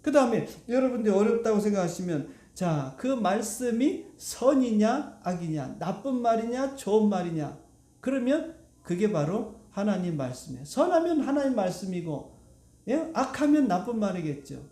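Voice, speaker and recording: A man's voice: sits high, sing-song, moderate pace, mellow, roomy sound. A male pastor preaching a sermon to his congregation, asking it rhetorical questions. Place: church sanctuary.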